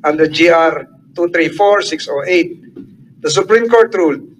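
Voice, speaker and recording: Measured man chairing a hearing. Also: on the high side, a little hiss or hum, rough recording. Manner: measured, formal, reads procedural rulings. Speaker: committee chair.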